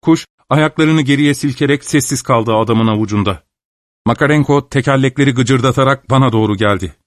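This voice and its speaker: A man narrating a literary audiobook in a measured, even storytelling manner. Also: medium pitch, dry recording, clean studio sound.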